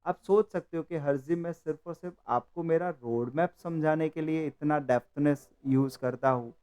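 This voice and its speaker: A man's voice: fairly high pitch, normal speed, darkish tone, rough recording. A man who runs a coding course, explaining his training while walking through projects on his screen. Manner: persuasive, explaining. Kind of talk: screen-share walkthrough.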